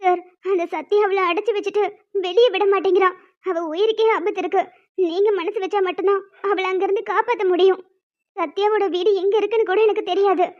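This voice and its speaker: Woman voicing a frantic cartoon young woman, very high squeaky pitch, earnest begging tone, dull lo-fi sound. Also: fairly even intonation, fairly quick. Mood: pleading. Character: pleading young woman, anxious informant. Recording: dull lo-fi recording.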